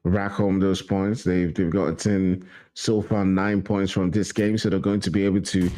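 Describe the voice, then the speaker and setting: A man's voice: sits low, moderate pace. A man giving casual esports color commentary, often repeating phrases. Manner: relaxed, repeats himself with fillers. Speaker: esports co-caster.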